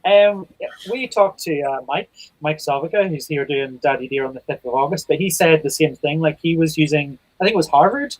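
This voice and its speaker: A man co-hosts a relaxed video-call chat, his voice sitting a little high. He delivers dry, deadpan jokes in an easy, understated way. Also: fairly quick, rough recording. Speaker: co-host.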